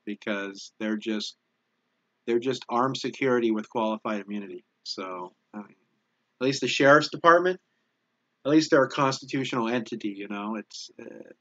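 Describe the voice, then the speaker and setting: A man's voice: fairly low pitch, fairly bright tone, dry recording, muffled recording. A man chatting casually on a live stream, thanking viewers for donations and often restarting his sentences. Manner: halting, restarts often, easily moved by donations. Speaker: YouTube channel host reading viewer donations.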